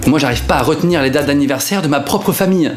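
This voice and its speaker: A man's voice: on the high side, fast talker. A young man from northern France, a comedian hosting a sketch monologue in a casual, slangy, self-mocking way. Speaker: comedian host. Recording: roomy sound with background music.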